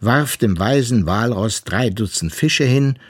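A man narrating a children's story aloud in an expressive, unhurried way. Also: medium pitch, breathy edge.

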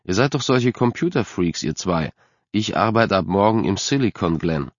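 Guy doing a tired stubborn dad talking his kids round, deep voice, audiobook. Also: expressive, moderate pace, dry recording. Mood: persuading. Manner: patient, persuading. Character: weary father, middle-aged man, stubborn. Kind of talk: audiobook character voice. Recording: dry, slightly dull recording.

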